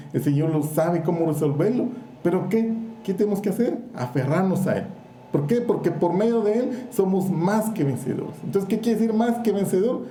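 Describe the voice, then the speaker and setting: High-voiced Guatemalan preacher, echoey church. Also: male voice, mellow. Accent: Guatemalan Spanish. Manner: fervent, questions the congregation directly. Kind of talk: sermon.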